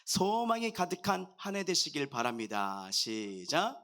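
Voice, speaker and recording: A man preaching a sermon as pastor, talking straight to his congregation in a jovial, animated way. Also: high voice, normal speed. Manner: addresses the congregation directly.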